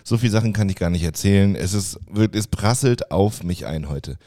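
A man co-hosting a casual podcast from an office, venting his frustration in quick, rambling bursts with frequent restarts. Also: low voice, expressive, warm tone. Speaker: podcast co-host.

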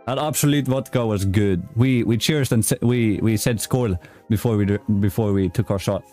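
A young man hosting a casual chat show, talking in a playful, halting way that often stops to correct himself. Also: on the low side, dark tone, faint music behind. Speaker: podcast host. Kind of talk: casual chat, stumbling through a read-out outro.

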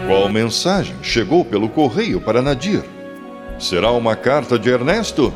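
A man's voice: mid-range voice, sing-song, moderate pace. A man with a Brazilian accent delivering dramatic scripted narration in the manner of an old radio serial announcer. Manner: dramatic, suspenseful questions. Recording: loud music under the voice. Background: dramatic music.

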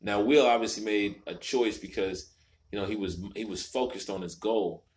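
A man's voice: fairly low pitch, moderate pace, a little mellow. A man co-hosting a casual chat from a home garage, telling stories with emphatic asides. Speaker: podcast co-host.

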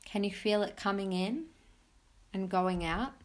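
A woman hosting a mindfulness podcast, giving soothing guided meditation instructions in simple, encouraging phrases. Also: medium pitch. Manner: soothing, unhurried instructions with pauses.

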